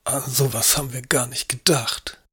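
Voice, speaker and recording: A man voicing a nervous middle-aged lover who speaks quietly and hesitantly. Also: mid-range voice, a little slow, breathy edge. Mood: hushed. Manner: hushed, hesitant. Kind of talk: audiobook acting.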